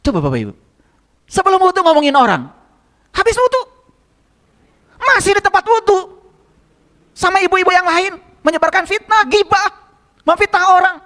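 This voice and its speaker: A man's voice: very high voice, sing-song, moderate pace, long pauses, sharp tone. A man giving a sermon as a religious teacher, talking conversationally, repeating phrases for emphasis and asking the congregation rhetorical questions.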